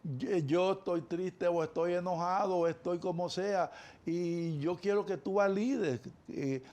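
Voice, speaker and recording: A man's voice: high voice, fairly even intonation, measured pace, a little mellow. A man, a psychologist guest on an interview show, talking animatedly and acting out the voices of the people he quotes. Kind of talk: conversational interview.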